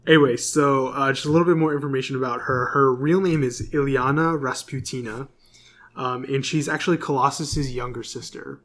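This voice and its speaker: A man's voice: mid-range voice, steady tone, fairly quick, a bit bright. Casual male podcast co-host. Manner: reads corrections from notes, many fillers. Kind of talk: casual chat.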